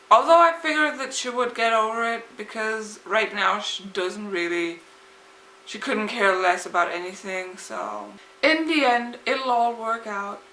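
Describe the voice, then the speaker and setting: A woman's voice: mid-range voice, pushed and bright, a little hiss or hum. A young woman chatting casually for a vlog, with slightly impeded, lisping articulation, as if her tongue is swollen. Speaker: vlogger. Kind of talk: casual vlog chat, rambling. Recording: echoey, roomy sound.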